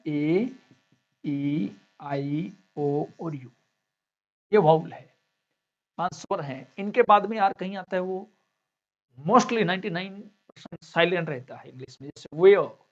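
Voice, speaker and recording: Guy teaching english in a lesson, bit high voice, dull lo-fi sound. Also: a little mellow. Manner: explains step by step, asks and answers own questions. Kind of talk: classroom lesson.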